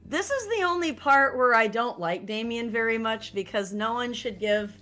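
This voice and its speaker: A woman streamer chatting casually with her viewers and co-host, laughing and animated. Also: on the high side, normal speed, soft background music. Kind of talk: casual live-stream chat.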